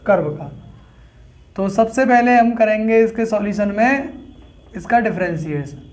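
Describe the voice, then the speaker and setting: Male math tutor, fairly high voice, step-by-step classroom explaining. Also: measured pace, darkish tone. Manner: explains step by step, asks students questions. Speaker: math teacher.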